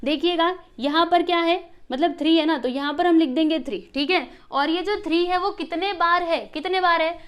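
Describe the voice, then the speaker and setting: A woman's voice: extremely high pitch, normal speed, hardly any pauses. A woman teaching a maths lesson step by step. She keeps asking the class questions and adds "ठीक है" after almost every point.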